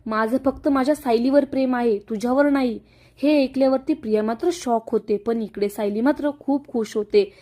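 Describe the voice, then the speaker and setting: A woman with a high voice narrates the twists of a television serial, moving steadily through the scene. Her retelling is lively and even, in plain storytelling.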